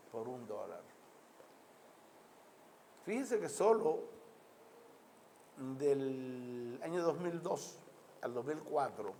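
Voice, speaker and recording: With a gravelly, slightly mellow, medium-pitched voice, a Dominican Republic man offers political and social commentary directly to listeners. He speaks with a Caribbean Spanish accent in an emphatic, speechmaking style, stacking repeated lists and rhetorical questions, against slight background noise.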